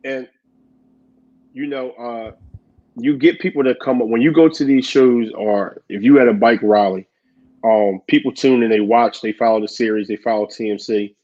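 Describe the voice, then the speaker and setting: A man co-hosting a casual chat, animated, laughing often and acting out quotes. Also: mid-range voice, moderate pace. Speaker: podcast co-host. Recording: dull lo-fi audio.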